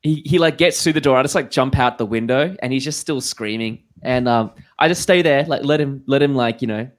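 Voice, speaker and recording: A young man, co-hosting a podcast and telling a story in a rambling way, full of fillers and loud acted-out quotes. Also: mid-range voice, fairly quick. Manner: rambling, lots of "like", acts out quotes loudly. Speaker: podcast co-host. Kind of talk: casual podcast chat, storytelling.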